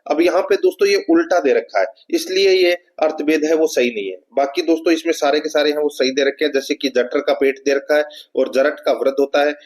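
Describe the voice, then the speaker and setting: A man's voice: a little high, fairly quick, few pauses, a little mellow. A man teaching an exam-prep lesson, repeating key phrases and asking rhetorical questions that he answers himself. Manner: repeats key phrases and often addresses viewers as friends.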